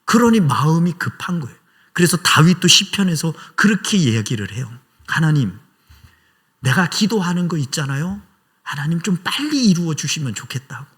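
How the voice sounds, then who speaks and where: A man's voice: a little high, very animated, normal speed, a bit bright, breathy edge. A male pastor preaching a conversational, emotional sermon in a small church, acting out prayers aloud.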